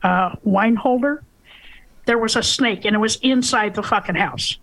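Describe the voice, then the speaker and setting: A woman's voice: mid-range voice, moderate pace, fairly bright tone, rough recording. A woman telling a story in casual podcast chat, swearing freely and dramatizing it. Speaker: podcast co-host.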